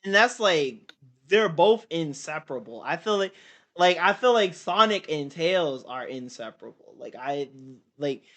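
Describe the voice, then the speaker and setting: A young adult streamer with a bright, forceful voice at middle pitch. The talk is casual, slangy and repetitive, like live reaction chat. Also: expressive, a little slow.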